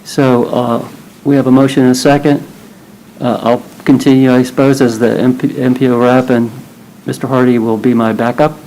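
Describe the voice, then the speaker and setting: Man chairing a board meeting; mid-range voice, courteous and unhurried, slight room hiss. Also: medium pitch, level tone, dark tone, low-quality recording. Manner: polite, procedural, unhurried.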